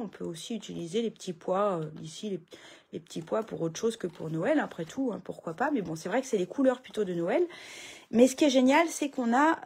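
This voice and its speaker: A woman's voice: on the high side, darkish tone, husky. A middle-aged woman, chatting casually through a papercraft tutorial from her home craft room, full of fillers and restarts.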